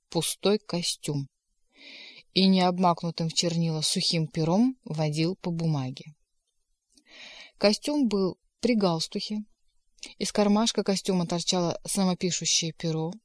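A woman narrating a story aloud in a measured, even reading voice. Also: lowish voice, no room sound, studio quality. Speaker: audiobook reader. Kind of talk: scripted narration.

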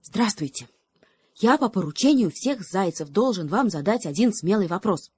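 A woman's voice: medium pitch, expressive, normal speed, darkish tone, slightly rough, dry recording, voice pushed up. A woman voicing a timid, polite little male hare who speaks nervously.

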